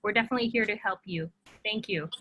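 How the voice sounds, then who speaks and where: Woman, from Tanzania, upbeat, many ums, bright tone, dry sound. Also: mid-range voice, fast talker, no room sound, rough recording. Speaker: entrepreneur guest. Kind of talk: webinar conversation. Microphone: video call.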